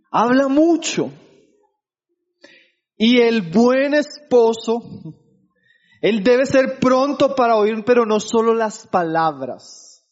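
High-voiced male preacher, lo-fi. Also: a little mellow. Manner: keeps asking the congregation for agreement; addresses listeners as brothers. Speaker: pastor. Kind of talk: sermon.

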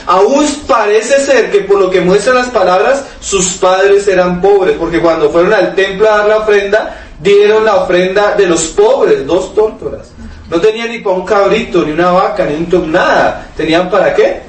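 A man's voice: high-pitched, moderate pace. A man preaching a sermon, asking rhetorical questions and reading scripture aloud to his listeners. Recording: echoey room, mic at a distance, faint noise.

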